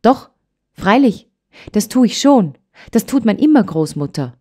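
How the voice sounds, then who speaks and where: A woman's voice: mid-range voice, moderate pace, pitched above the performer's own voice, natural voice. A woman voicing a hot-tempered, stubborn young girl in an audiobook, talking in eager, pleading outbursts. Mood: defiant. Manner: excited, pleading, tearful outbursts. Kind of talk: audiobook character voice.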